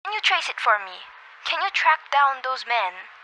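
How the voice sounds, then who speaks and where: A woman's voice: sits high, very animated, moderate pace, sharp tone, heavily acted, low-quality recording. A young woman in an amateur radio play acting an imperious, fretful married woman who is demanding and indignant. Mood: urgent, anxious. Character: imperious, agitated, self-important married woman. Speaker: amateur voice actor.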